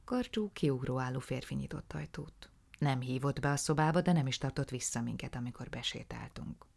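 Egy nő krimit olvas fel hangoskönyvként, mély, érdesen recsegő hangon. Gyakran suttogóra halkul, visszafogottan, feszesen meséli a történetet. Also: female voice, very deep voice, creaky, darkish tone. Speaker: audiobook narrator. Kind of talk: scripted narration of a crime story.

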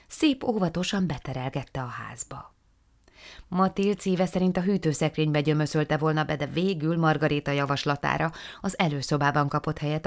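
A woman reading a children's storybook aloud in a soft, hushed, half-whispered manner. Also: low-pitched, gravelly. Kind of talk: storybook narration.

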